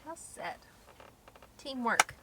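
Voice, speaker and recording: Unhurried young American woman. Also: very noisy. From Idaho, United States. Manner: chatty, laughs easily, reads out questions. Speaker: co-host asking questions. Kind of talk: casual Q&A chat.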